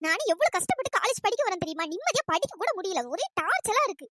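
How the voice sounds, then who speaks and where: A squeaky, bright cartoon college girl, rapid-fire scolding, fiery temper, dry close mic. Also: very animated, no echo, exaggerated voice. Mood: annoyed scolding. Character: fiery young female college student. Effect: pitch-raised voice. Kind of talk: cartoon voice acting.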